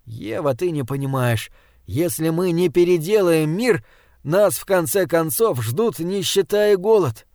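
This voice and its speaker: A shy, earnest young artist, voiced by a male reader, pleading in a low, hushed tone. The recording is dry and close, with no room sound. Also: animated, unhurried, no echo.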